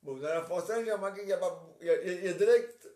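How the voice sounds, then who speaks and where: A man talking on his own in a casual, rambling monologue, muttering counts under his breath and clearing his throat between fillers. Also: high-pitched, very fast, mellow. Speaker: vlogger. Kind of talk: casual solo monologue to camera. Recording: roomy echo.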